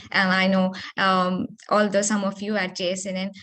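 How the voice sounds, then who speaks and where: A woman in her thirties from Sri Lanka speaks on a video call as a seminar guest. She talks haltingly, restarting phrases and filling gaps with ums and uhs. Her voice sits at a middling pitch. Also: monotone, a bit bright. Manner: hesitant, many fillers and restarts. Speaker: guest speaker, postdoctoral researcher.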